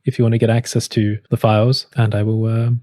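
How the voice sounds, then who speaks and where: This is a man with a fairly low voice, hosting his own video channel in a loose, thinking-out-loud monologue. He drifts from one idea to the next in a reflective way and swears now and then. The sound is close and dry, with no room echo. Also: monotone, fast. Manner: rambling and introspective, drifts between ideas, occasional swearing. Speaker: channel host. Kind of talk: casual reflective vlog monologue.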